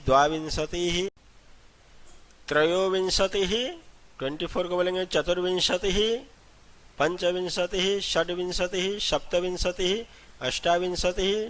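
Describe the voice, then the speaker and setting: A man's voice: fairly high pitch, fairly bright tone. A man teaching a grammar lesson to school students, explaining step by step and reciting long lists of number words. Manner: addresses students as children. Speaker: Sanskrit teacher. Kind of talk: classroom-style grammar lesson.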